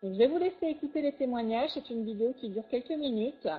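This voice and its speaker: A woman with a fairly high voice gives an eager sales pitch over a slideshow, piling on superlatives. The audio is thin and tinny, as if over a phone line. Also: fast. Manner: enthusiastic, heavy on superlatives. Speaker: product presenter.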